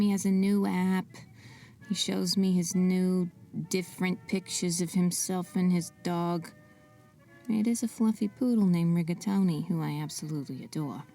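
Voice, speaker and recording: A woman tells her mystery story with wry, sarcastic asides. Her voice is mellow and dark in tone. She sits a little back from the mic, and faint music plays underneath. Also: lowish voice, recorded from a distance. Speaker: narrator and protagonist. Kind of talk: scripted drama narration.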